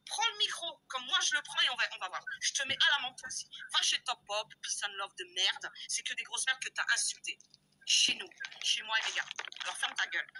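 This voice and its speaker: A woman hosting her own live stream in a heated rant. Her voice sits high and cuts hard and bright. She talks like a self-proclaimed loudmouth, insulting, repeating and addressing her viewers directly. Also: low-quality recording. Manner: loud-mouthed, insulting, confrontational.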